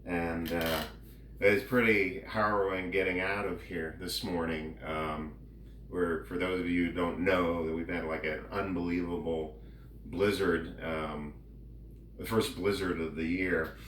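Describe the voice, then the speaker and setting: A man giving a casual personal update in a halting, rambling way with drawn-out pauses. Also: sits low, level tone, fairly bright tone. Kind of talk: casual chat. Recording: roomy, distant mic, faint background noise.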